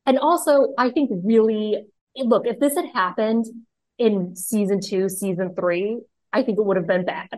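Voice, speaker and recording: A woman's voice: mid-range voice, normal speed, a little mellow, dry recording. A young woman co-hosting a podcast in casual chat, rambling and filling her talk with "like". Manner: rambling, full of "like" fillers. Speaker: podcast co-host.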